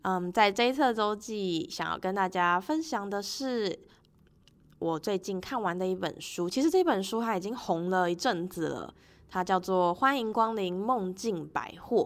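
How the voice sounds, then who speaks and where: A woman with a medium-pitched voice hosts a casual solo podcast. She talks in a chatty, personal way and voices her reactions expressively as she tells things. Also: animated, moderate pace. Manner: laughs often while talking. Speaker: podcast host.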